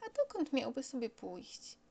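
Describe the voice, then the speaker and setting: A woman voicing a small, gentle, curious boy prince from another planet, asking innocent, wondering questions. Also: high-pitched, huge pitch swings, measured pace, vocal fry, pitched above the performer's own voice, exaggerated voice. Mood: puzzled.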